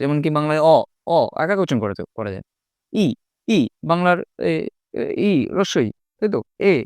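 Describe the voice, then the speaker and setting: Male language teacher, fairly high, smooth voice, dry close sound; patient drilling of sounds. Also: dry recording. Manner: repeats sounds slowly, checks understanding often. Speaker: English teacher. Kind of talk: spoken language lesson.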